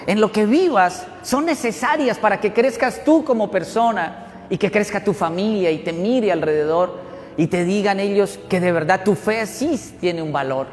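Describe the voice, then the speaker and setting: A middle-aged man preaching a sermon as pastor, telling stories with lively swings between loud and hushed delivery. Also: high voice, normal speed. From Colombia. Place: church hall. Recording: church hall reverb with faint room noise.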